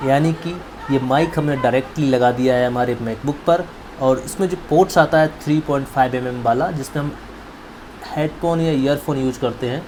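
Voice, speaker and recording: With a medium-pitched, somewhat dark voice, a tech reviewer casually tries out a product for his audience. He breaks everything into steps and repeats his points. It's a noisy amateur recording with background sound around him.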